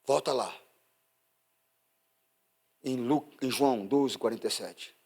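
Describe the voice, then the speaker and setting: A man with a Brazilian Portuguese accent preaching a sermon as a pastor, swinging from loud outbursts to hushed asides. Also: medium pitch, takes it slowly, slightly rough.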